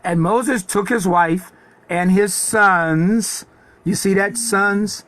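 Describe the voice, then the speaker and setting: A man reading scripture slowly and haltingly, then retelling it in casual, conversational preaching. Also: sits high, fairly bright tone, dry recording. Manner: reads slowly with halting repeats, then paraphrases God in casual speech. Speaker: Bible teacher. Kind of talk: scripture reading with sermon commentary.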